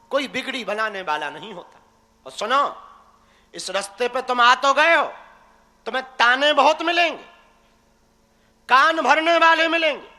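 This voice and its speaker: High bright-voiced preacher in a hall. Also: male voice. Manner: teasing, blunt, addresses listeners directly. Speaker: spiritual preacher. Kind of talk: devotional sermon to a crowd.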